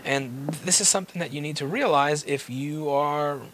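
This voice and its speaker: A repair business owner rants bluntly and without a script to viewers in a video, exasperated and occasionally swearing. He drives points home by repeating phrases. His voice is a little high and fairly bright, at a normal speed, with a little hiss or hum on the recording.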